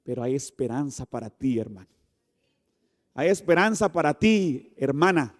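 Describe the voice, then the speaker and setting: A male pastor preaching a sermon, animated, acting out the voices of people in his stories and slowing down to stress key words. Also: medium pitch. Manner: animated, acts out quoted voices and slows for emphasis. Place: church hall. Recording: long reverb of a church hall.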